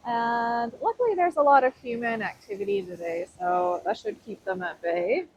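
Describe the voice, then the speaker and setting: A fairly high-voiced woman talks through her painting steps in a chatty way. A noise-canceling mic flattens her voice into a dull, tin-can sound, with outdoor ambience faint behind her. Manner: chatty, explains each step as she goes. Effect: muffled tin-can sound from a noise-canceling mic. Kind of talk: casual painting tutorial. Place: outdoors by a waterfall.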